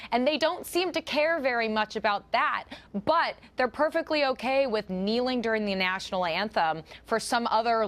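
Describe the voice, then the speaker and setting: A woman guest on a news panel who gives her opinion in a steady, argumentative flow. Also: mid-range voice.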